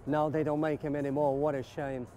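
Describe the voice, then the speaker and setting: A man with a slightly raised pitch and a very warm, dark tone talks viewers through what he sees, eager and admiring, often turning to them with questions. He is outdoors in a car park, with faint music in the background. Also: flat delivery, a little fast. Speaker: vlogger touring a car meet. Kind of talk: casual walkaround commentary.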